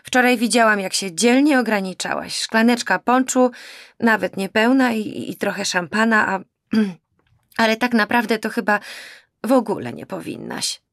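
A woman voicing a worried, fussy middle-aged mother in an audiobook, soothing and slow. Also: medium pitch, animated, fairly bright tone, no room sound, studio quality, pitched above the performer's own voice. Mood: soothing anxious. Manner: fussing, soothing, slow emphatic. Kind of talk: audiobook character voice.

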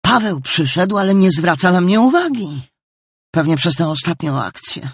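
A spiteful teenage girl snaps and sneers, her voice pushed high by a man reading the story. The tone stays sharp, scornful and bossy, with a gravelly rasp underneath. The recording is close and dry. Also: expressive, normal speed, dry recording, exaggerated voice.

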